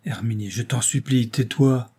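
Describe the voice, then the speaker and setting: Brief: male narrator as a careful, fretful husband, husky, mellow. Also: mid-range voice, fairly quick, close to an everyday voice. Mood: alarmed. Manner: earnest, confiding, fretful. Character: cautious, secretive middle-aged husband, an office clerk. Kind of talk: audiobook character reading.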